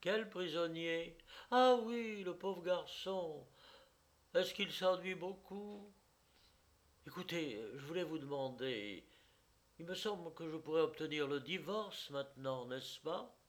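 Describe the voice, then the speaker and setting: A man voicing a flighty, pretty young woman who is capricious and quick to take offence, in a read-aloud story. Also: on the high side, expressive, voice pushed up. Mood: distracted. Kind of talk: audiobook character voice.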